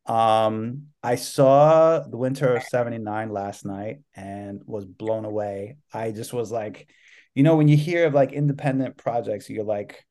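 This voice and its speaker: A podcast host from New York City conducts a casual interview chat, talking loosely and rambling, with heavy use of "like". His voice is medium in pitch, a little slow and a little mellow.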